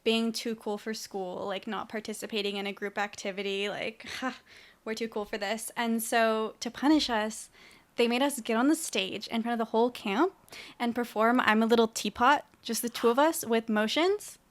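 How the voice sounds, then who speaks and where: This woman co-hosts a podcast, telling stories and recapping television casually and conversationally. Her voice is a little high and moves at normal speed.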